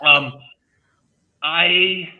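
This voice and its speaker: On a casual video call, a guest who designs tikis tells playful stories and laughs often. His voice is fairly high and steady, with drawn-out words, heard over a tinny, phone-like line.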